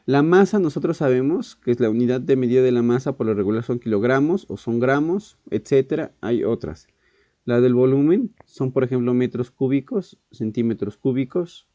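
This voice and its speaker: A man teaching a physics class, often clearing his throat, correcting himself and checking in with "ok". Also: medium pitch, mellow, no room sound, dull audio. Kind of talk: online exam-prep physics lesson.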